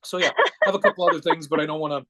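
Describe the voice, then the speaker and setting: He's a forty-year-old podcast guest from Connecticut, United States, with an American accent, casually rambling through personal stories in a matter-of-fact way. His voice sits a little high, rapid-fire with a sharp tone.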